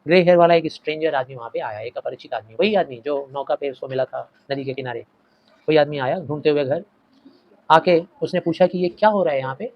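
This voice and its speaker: A man's voice: a little high, dull audio. Middle-aged male teacher explaining a story. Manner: explains slowly, glossing words and mixing languages.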